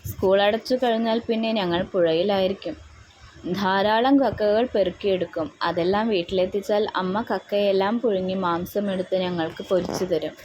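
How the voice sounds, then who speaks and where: A woman's voice: medium pitch, steady tone, moderate pace, a little mellow, slight background noise, lightly acted. A woman voicing a young woman, an older sister figure in a story, who speaks with impassioned grief and curses. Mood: cheerful. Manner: impassioned, cursing in anguish.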